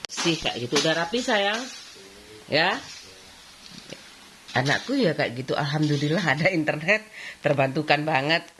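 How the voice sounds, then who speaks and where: Chatty Javanese-accented Indonesian housewife. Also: female voice, low-pitched, animated, moderate pace, long pauses, fairly bright tone, slight background noise. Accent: Javanese-tinged Indonesian. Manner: rambling, repeats "kayak gitu", laughs often. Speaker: vlogger and housewife. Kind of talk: casual chatty vlog monologue. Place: at home while tidying.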